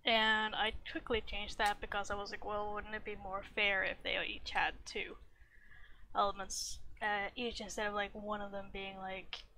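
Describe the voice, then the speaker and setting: A woman's voice: medium pitch, level tone, normal speed, bright, forceful tone, slight background noise. A woman streamer chatting casually on a livestream, rambling with lots of fillers and restarts, a little out of breath. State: slightly out of breath.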